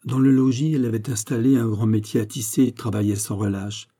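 A man reading a classic fairy tale aloud in a measured, expressive storybook narration. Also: mid-range voice.

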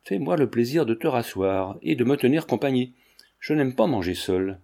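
A man reading an audiobook, voicing a suave scheming baron who stays calm and coaxing. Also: mid-range voice, normal speed. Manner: smooth, coaxing, unruffled.

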